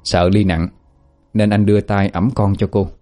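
A man narrates a dramatic story in an earnest, steady way. His voice is low and warm, with soft music playing behind him. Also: moderate pace. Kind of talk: scripted narration.

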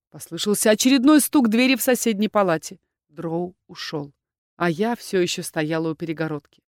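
A woman narrating a first-person fantasy audiobook in a lively, expressive manner. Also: on the high side, no echo, studio quality. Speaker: audiobook reader.

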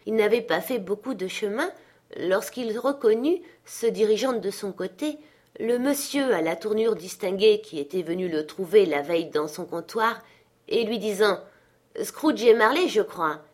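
A woman reading a classic novel aloud as an audiobook narrator, in an even storytelling manner. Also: mid-range voice, normal speed. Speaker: audiobook reader. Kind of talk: scripted narration.

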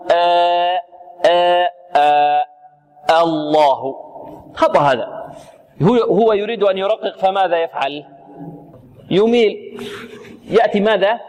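A man teaching Quran recitation to students, questioning them constantly and demonstrating pronunciation with slow, drawn-out examples. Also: high voice, darkish tone. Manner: questioning, drills students with repeated prompts. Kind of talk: tajweed lesson with students. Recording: long reverb, radio broadcast.

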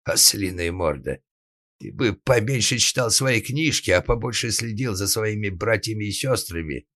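A man voicing a furious old father in an audiobook, shouting and lamenting in drawn-out cries. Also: lowish voice, lively intonation, no echo, studio quality, pitched above the performer's own voice. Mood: raging. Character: furious old male father, bellowing, tyrannical. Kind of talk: audiobook narration.

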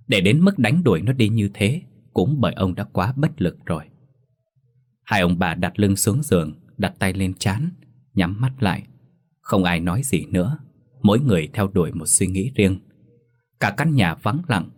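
A man narrating a ghost story in a dramatic, steady storytelling manner. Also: low voice, husky.

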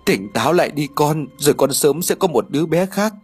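A man's voice: fairly high pitch, animated, a little fast, breathy edge, soft background music. A male narrator voicing a middle-aged mother who soothes her grieving daughter. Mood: consoling. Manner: coaxing, soothing.

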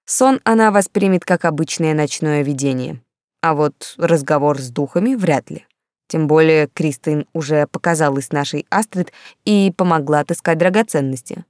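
A woman voicing a calm, reasoning ghostly duke in an audiobook. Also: low-pitched, moderate pace, dry recording, studio quality, natural voice.

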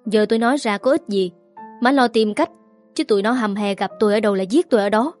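A woman's voice: medium pitch, quick pace, darkish tone, faint music behind, natural voice. A woman voicing a sulky, evasive 22-year-old son in gambling debt.

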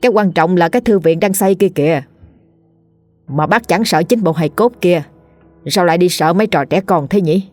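A woman's voice: fairly low pitch, normal speed, no room sound, soft background music, lightly acted. A woman voicing a stubborn old village man who brushes off fear with mocking talk. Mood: scoffing.

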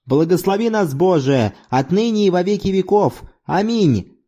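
A man's voice: on the high side, animated, a little slow, voice pushed up. A man reading an audiobook, voicing an exuberant, playful middle-aged man who half-chants like a church singer. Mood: chanting. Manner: loud, theatrical, mock-chanting like church singing. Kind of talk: audiobook character voice.

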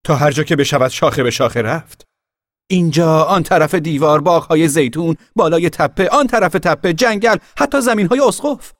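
Loud bragging boy up a tree, a man doing him: high, husky, defiant shouts. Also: wildly swooping pitch, no echo, studio quality, heavily acted. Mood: proud. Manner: shouting, boastful.

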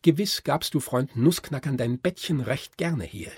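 A man voicing an emotional, warm-hearted young girl who exclaims her feelings. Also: medium pitch, lively intonation, unhurried, breathy edge, no echo, pitched above the performer's own voice. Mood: tearful.

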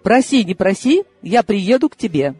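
A teasing, commanding old grandmother from an audiobook, read by a man, her lines pitched high and swinging widely in tone. She sounds sharp and sarcastic, used to getting her own way. Soft music plays faintly underneath. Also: big pitch swings, normal speed, slightly rough, heavily acted. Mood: bossy, teasing. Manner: bossy, teasing. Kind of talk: audiobook reading.

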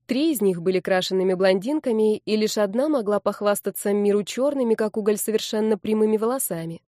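A young woman reading a first-person story aloud in a wry, lively way. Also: medium pitch, fairly quick, no room sound, studio quality. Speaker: audiobook narrator. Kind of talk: first-person audiobook narration.

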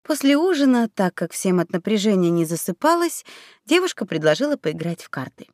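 A woman narrating a fairy tale audiobook with expressive, playful storytelling on a close mic. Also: medium pitch, fairly quick, dry recording.

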